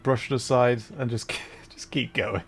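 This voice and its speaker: A man with a medium-pitched, slightly bright voice talks at a moderate pace with fairly even intonation and some vocal fry. He's hosting a casual gaming livestream, playing a video game and chatting while troubleshooting, sounding flustered, apologetic and self-deprecating.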